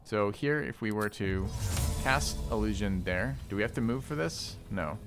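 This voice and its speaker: A man's voice: on the low side, normal speed, creaky, over music. A man streaming a strategy game, thinking aloud in casual commentary, puzzled and now and then swearing at the game's rules.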